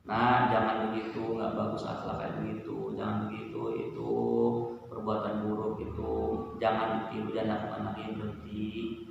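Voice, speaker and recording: A father figure softly pleads with his naughty son to stop, as a male teacher puts him on in a story. The voice is gravelly and quiet. It sounds far from the mic, in a long, echoing hall. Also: lowish voice, moderate pace, lo-fi sound, noisy background. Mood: pleading. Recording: echoey hall, distant mic.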